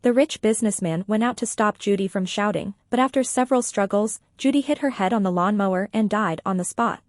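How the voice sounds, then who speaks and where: A woman narrating an audiobook story in the first person, in an even, matter-of-fact manner. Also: mid-range voice, fairly quick, dry recording, clean studio sound.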